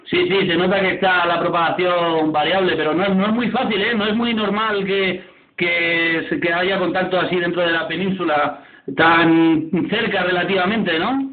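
A man's voice: high voice, fairly even intonation, moderate pace. A man from the province of Alicante chatting as a CB radio operator over the radio. He is friendly, repeats his words and keeps adding "eh?" and "no?". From province of Alicante, Spain. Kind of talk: casual radio contact chat. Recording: tinny CB radio with echo and loud static.

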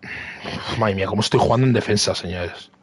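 A young man streaming a football video game live, giving excitable running commentary on his own play and repeating words. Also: lowish voice, brisk, slightly rough. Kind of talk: live gaming stream chat with friends.

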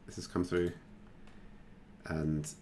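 A man hosting a screen-recorded software tutorial, talking casually and thinking aloud with plenty of fillers. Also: low-pitched, level tone, slow pace, slight background noise. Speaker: tutorial host.

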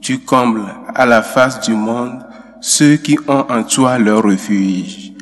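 A man reading scripture and psalm verses as lector at a mass, slow and measured. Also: medium pitch. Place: church. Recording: long church reverb.

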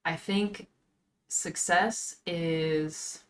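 A woman's voice: on the low side, steady tone, very slow. A woman in her twenties hosting a podcast, chatting casually and thinking aloud earnestly, at home on a desk mic. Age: 20s. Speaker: podcast host. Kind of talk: casual chat. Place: home streaming room.

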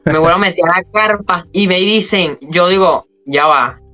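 A man talks through his story in a casual interview. His voice sits fairly high and rings bright and sharp. He slips into other people's lines as he retells each scene. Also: normal speed, soft background music. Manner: animated, retells scenes with quoted dialogue. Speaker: freestyle rapper guest.

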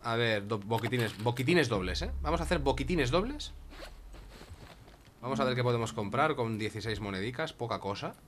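A man's voice: medium pitch, lively intonation, brisk, a bit bright. Guy from spain rambling over his gameplay, talks to his cat, some noise in the background. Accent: Spain Spanish. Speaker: gaming YouTuber. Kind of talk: casual gameplay commentary.

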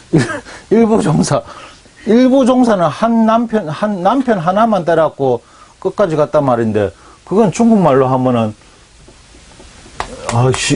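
A middle-aged male teacher giving a casual lecture, his voice lively, bouncing up and down in pitch. He talks in a chatty, joking way and keeps checking for agreement. His voice sits a little high for a man. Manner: chatty, animated, asks for agreement. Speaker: Chinese language teacher.

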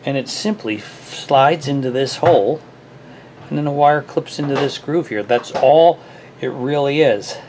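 A middle-aged small engine repair host talks casually through a fix at his workshop bench, thinking aloud in a self-deprecating, easygoing way for a hands-on tutorial. His voice is mid-range, a little slow and slightly mellow, with a bit of hiss or hum in the recording.

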